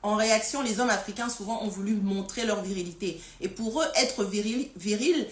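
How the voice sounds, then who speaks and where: A woman's voice: medium pitch, normal speed. A woman hosting a casual live stream, talking with frequent hesitations, repeated words and fillers. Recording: roomy echo with faint noise.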